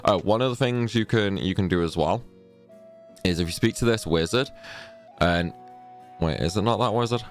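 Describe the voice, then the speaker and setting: A man's voice: lowish voice, normal speed, pauses often, faint music behind. A man talking through a game walkthrough in a chatty, rambling way, often correcting himself, and fighting off a sneezing fit. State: sneezy, stuffy from a cold. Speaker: gaming guide creator. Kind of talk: casual game walkthrough commentary.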